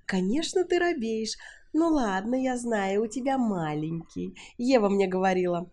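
Woman reading as a pushy, breathy seductress, higher than her own voice, warm and mellow tone, audiobook. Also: lively intonation, measured pace. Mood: seductive.

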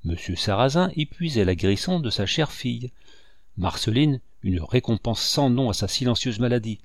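A man reading a classic children's book aloud in measured, expressive narration. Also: on the low side, no echo, clean studio sound. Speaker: audiobook reader.

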